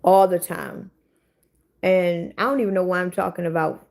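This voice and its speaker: A woman's voice: on the low side, steady tone, moderate pace, creaky, darkish tone. 40-something woman on her live, cussing out commenters, blunt and casual. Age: 40s. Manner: blunt, profane, talks back to commenters. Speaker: livestream host. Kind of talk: casual livestream chat with viewers.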